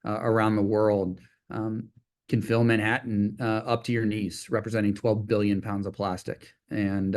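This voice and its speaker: A man giving an informal business presentation over a video call as a company executive, with hesitant, halting phrasing. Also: lowish voice.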